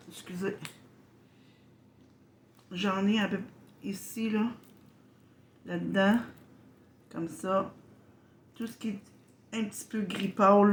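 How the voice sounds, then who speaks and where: A woman from Quebec with a Québécois accent, hosting a casual unboxing vlog, halting and apologetic, full of fillers and restarts. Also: medium pitch, a little mellow, slight background noise. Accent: Québécois French. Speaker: channel host.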